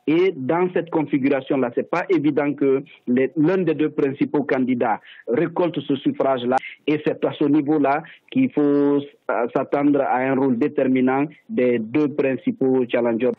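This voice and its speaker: A man's voice: mid-range voice, steady tone, moderate pace, no room sound. A male analyst giving unscripted commentary in a thoughtful, hesitant way, restarting his sentences. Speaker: political analyst. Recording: dry, tinny phone line.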